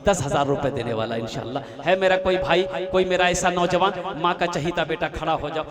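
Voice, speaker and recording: A man's voice: a little high, brisk. A male preacher giving a fundraising sermon at a religious gathering, repeating his appeals in a rhythmic way and leading slogans. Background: crowd responses.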